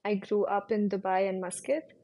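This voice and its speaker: A young Indian woman who works as a physical therapist answers interview questions in a relaxed, conversational way, hedging often with "like" and "you know." She speaks in a mid-range voice at normal speed.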